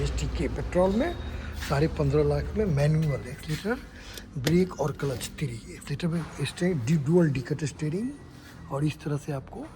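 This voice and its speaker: Guy doing a car walkaround, fairly high voice, rattles off features, lots of background noise. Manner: lists features, checks in with tag questions. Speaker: car reviewer. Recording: noisy on-location recording.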